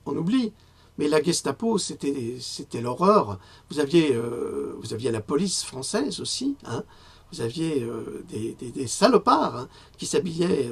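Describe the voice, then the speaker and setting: Male press commentator, husky and higher-pitched, indignant delivery broken by frequent hesitations. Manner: indignant, rising to outrage, many filler hesitations. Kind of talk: spoken press review.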